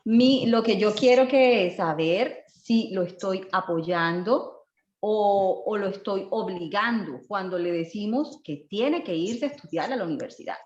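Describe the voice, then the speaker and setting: A woman's voice: medium pitch, animated, measured pace, darkish tone, lo-fi sound. A woman with a Colombian accent, a mother, hesitantly sharing a personal prayer request in class, with many fillers. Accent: Colombian Spanish.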